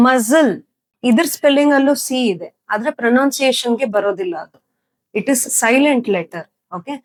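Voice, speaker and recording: A young woman teaching spoken English with a Kannada-accented Indian English, explaining slowly and repeating word lists for practice. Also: fairly high pitch, no echo, poor audio. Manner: slow, deliberate explaining, repeating words for practice.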